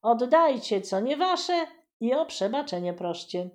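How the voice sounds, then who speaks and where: A stern, dignified governor from a storybook hands down measured judgments, as a woman reading aloud puts him on. He speaks slowly and with lively shifts of pitch.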